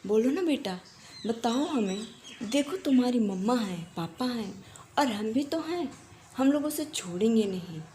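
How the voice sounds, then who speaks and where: A woman voicing a gentle female constable softly coaxing a frightened child. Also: on the high side, expressive, measured pace, a little hiss or hum. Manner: soft and coaxing.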